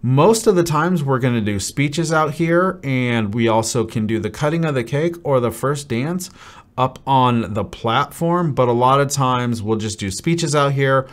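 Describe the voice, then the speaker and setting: A man's voice: mid-range voice, lively intonation, measured pace. A man in his thirties, a wedding DJ, talking through a venue's event plan to camera in an upbeat, practical way. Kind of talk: venue overview talk to camera. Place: dim studio set with brick wall.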